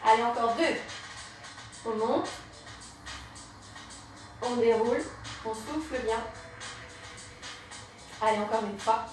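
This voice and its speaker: A woman's voice: fairly high pitch, slow, pauses often, darkish tone. A woman instructor leading a live Pilates and yoga class, cueing breaths and movements step by step. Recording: very echoey room, mic far off, music behind.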